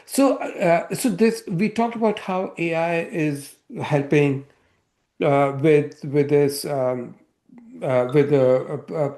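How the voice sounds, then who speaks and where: A man's voice: fairly high pitch, warm tone. A man hosting an interview podcast, asking long questions and thinking aloud as he goes. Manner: thinks aloud with many fillers and restarts. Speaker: podcast host. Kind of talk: casual interview talk.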